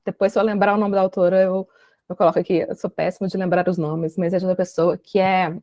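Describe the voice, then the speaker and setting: A woman's voice: lowish voice, little pitch movement, fast, a little mellow, dry recording. A young adult woman with a Brazilian accent, a parenting educator talking reflectively and emphatically as a podcast guest. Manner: reflective, emphatic, uses many tag questions. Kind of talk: conversational podcast interview.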